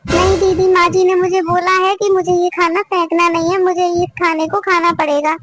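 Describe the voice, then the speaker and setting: A woman's voice: very high-pitched, little pitch movement, normal speed, fairly bright tone, soft background music. A woman voicing an overworked young daughter-in-law in a cartoon family drama, pleading and complaining. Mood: plaintive. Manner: pleading, plaintive.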